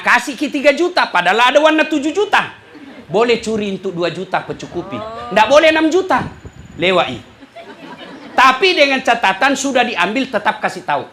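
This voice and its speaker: High, lively joking preacher with Makassar accent. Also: male voice, slight background noise. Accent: Makassar Indonesian. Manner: joking, chuckling, addresses the audience directly. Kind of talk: humorous sermon to a live audience.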